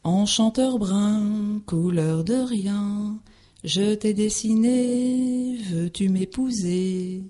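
Woman voicing a timid storybook fairy, slow and a bit breathy, lively pitch. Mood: singsong. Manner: fretful, self-doubting. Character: small, anxious fairy seeking a husband.

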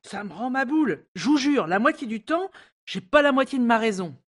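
A fretful, grumbling maid. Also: female voice, low voice, animated, normal speed, breathy edge, exaggerated voice. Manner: complaining, fretful, hesitant with many fillers. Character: grumbling, anxious housemaid, resentful woman. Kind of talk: audio drama acting.

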